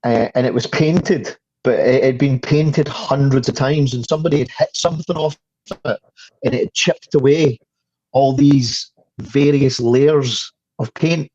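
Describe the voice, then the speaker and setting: A man's voice: medium pitch, measured pace, a little mellow, no echo, dull audio. A man with a Scottish accent, a guest in a casual chat, who often stumbles over his first words. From Scotland. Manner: repeats words when starting sentences, chatty. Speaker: guest, fundraiser.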